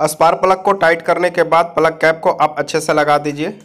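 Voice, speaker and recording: A man's voice: a little high, fairly even intonation, brisk, fairly bright tone, slight background noise. A man from India explaining a machine repair step by step, talking straight to viewers in a plain instructive way. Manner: plain instructive talk, addresses viewers directly. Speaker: repair channel host.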